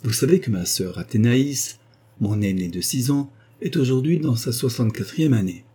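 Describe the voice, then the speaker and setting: A man voicing an old indebted baron who speaks calmly and suavely, with irony, in an audiobook. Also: mid-range voice, moderate pace, husky. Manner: calm, suave, ironic. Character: old smooth-talking indebted male baron.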